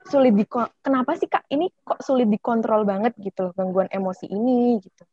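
A woman's voice: on the high side, a little fast, slightly rough, no echo. A woman host asking an interview guest questions politely, with small "em" fillers. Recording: dull lo-fi audio.

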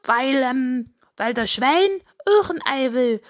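A woman's voice: sits high, animated, slow pace, pitched above the performer's own voice. A woman voicing an eager, fussy young male farmyard bird who quacks between his words, in a storybook reading. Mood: eager quacking.

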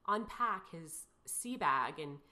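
As an interview guest, a woman in her thirties shares a painful personal story in a slightly low yet bright, forward voice. Animated but slow-paced and emotional, she rambles, circles back, restarts and fills gaps with "you know" and "like."

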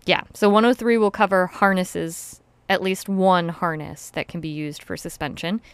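A woman's voice: lowish voice, steady tone, normal speed, smooth, dry recording. A woman hosting a casual podcast who teaches rope classes, explaining step by step and laughing easily. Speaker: podcast host and rope bondage instructor.

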